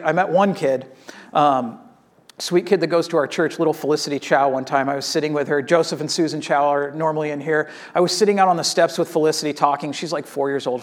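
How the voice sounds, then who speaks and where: A male pastor in his thirties gives a sermon in a high, light voice. He talks in a loose, conversational way, acting out stories and often checking in with "right?". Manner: conversational, animated storytelling with frequent "right?".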